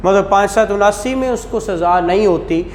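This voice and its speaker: A man with a Pakistani accent and a high-pitched voice lectures on law at a moderate pace in an indoor classroom. His style is didactic, full of rhetorical questions and key phrases said more than once, captured with echo and faint noise.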